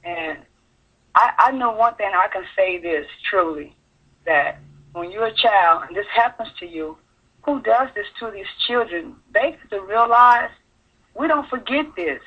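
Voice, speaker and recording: A woman calling in to a radio show, telling her personal story in a halting, earnest way. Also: medium pitch, lively intonation, breathy edge. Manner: halting, earnest, full of fillers. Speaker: caller sharing her story. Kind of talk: personal testimony on call-in radio. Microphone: telephone. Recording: tinny phone line.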